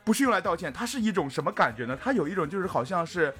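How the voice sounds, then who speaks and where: A male co-host talks quickly in a relaxed group chat, his pitch swinging widely as he explains. He builds up steam on his points, with faint music under the talk. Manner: animated, explains at length with rising excitement. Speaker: podcast co-host.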